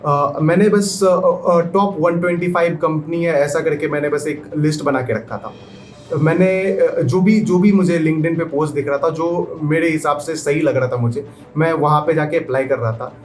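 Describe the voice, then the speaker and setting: Young man, fairly high pitch, hesitant, filler-heavy interview guest, faint music. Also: normal speed. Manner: hesitant, many fillers, mixes English into Hindi. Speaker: guest software engineer. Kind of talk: interview answers.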